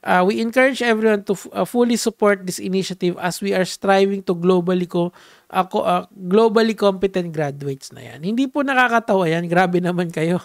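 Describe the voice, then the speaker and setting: Speaking fairly quickly in a high, creaky voice, a young Filipino vlogger with a Filipino accent offers casual, playful commentary, code-switching between Tagalog and English with frequent fillers, restarts and shouts of "Hey!". The recording is dry and of studio quality.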